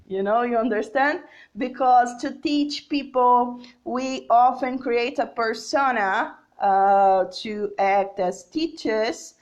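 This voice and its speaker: Teaching English over a live stream, a young adult woman from Brazil talks slowly and deliberately in a Brazilian Portuguese accent, using lots of fillers and checking in often. Her voice is a little high, and the audio is dull.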